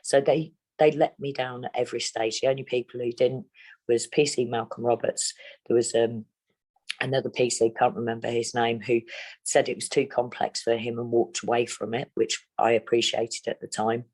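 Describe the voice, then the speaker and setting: A woman's voice: very deep voice, little pitch movement, moderate pace, a little mellow. Blunt, plain-spoken middle-aged woman. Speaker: interviewee. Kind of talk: candid interview.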